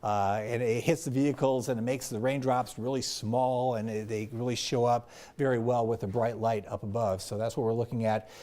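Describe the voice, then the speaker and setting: A man's voice: medium pitch, fairly even intonation, moderate pace, few pauses, dark tone. A man presenting live weather commentary, explaining things step by step in an unscripted way.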